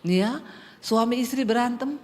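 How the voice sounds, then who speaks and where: Woman, middle-aged, pastor, sermon, high voice, colloquial and lively, acts out quoted voices, long hall reverb. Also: measured pace. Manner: colloquial, addresses the congregation directly.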